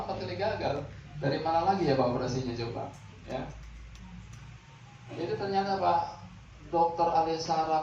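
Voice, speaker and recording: A man gives a training lecture on back massage, lively and rhetorical, often quizzing his audience. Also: fairly high pitch. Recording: echoey hall, distant mic, dull, faint noise.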